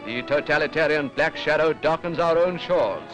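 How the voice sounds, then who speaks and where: Old newsreel commentator, male, formal and grave, slightly high voice, music bed behind. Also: moderate pace, low-quality recording. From Britain. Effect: old newsreel recording. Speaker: newsreel narrator.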